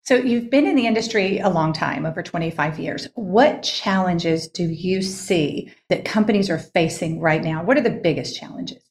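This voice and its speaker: A woman hosting a podcast interview, asking steady framing questions. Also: fairly low pitch, moderate pace, hardly any pauses. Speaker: podcast host.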